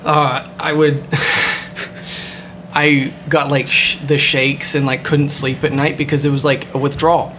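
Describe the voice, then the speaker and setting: A man's voice: mid-range voice, flat delivery, slow, pushed and bright, slight background noise. A man hosting a casual podcast chat, rambling with many fillers and the odd swear word. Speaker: podcast host.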